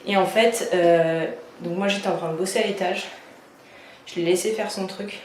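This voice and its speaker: A woman's voice: on the low side, fairly even intonation, moderate pace. Woman, DIY vlogger, irritated, lots of fillers, echoey tiled room, faint background hum. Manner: annoyed, venting with many fillers and restarts. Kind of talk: casual vlog talk. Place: bathroom under renovation.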